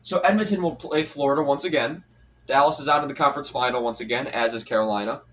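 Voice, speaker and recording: A young man congested from allergies, with a stuffy voice, hosts a hockey commentary channel and rattles off stats in a casual solo recap full of restarts and fillers. He speaks fast in a mid-range, slightly bright voice. The mic is far away, and there's slight background noise.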